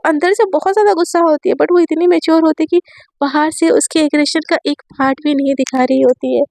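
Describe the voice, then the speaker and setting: A chatty woman storyteller narrating an episode of a romance serial, speaking to listeners as friends. Her voice is high-pitched but dark and mellow in tone. The recording is close and dry, with no room echo. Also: steady tone, brisk, gravelly.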